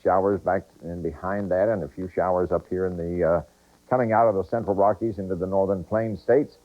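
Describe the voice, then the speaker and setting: A man giving a folksy TV weather forecast with chatty, relaxed asides. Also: sits low, brisk. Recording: tinny, lo-fi broadcast tape.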